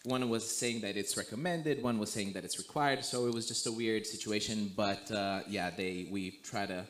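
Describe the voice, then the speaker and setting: A young man from Romania, a guest missionary, telling a story in a relaxed way, full of "like" and "you know". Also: lowish voice, moderate pace. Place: church sanctuary.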